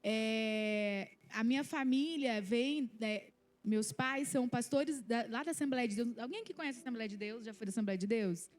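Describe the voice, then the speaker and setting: A woman's voice: on the high side, moderate pace. A woman in her thirties from Rio de Janeiro, with a Carioca accent, telling a personal testimony at a church youth service in an earnest, storytelling way. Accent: Carioca Brazilian Portuguese. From Rio de Janeiro, Brazil. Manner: earnest storytelling, many restarts and "né?" asides. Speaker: testimony speaker.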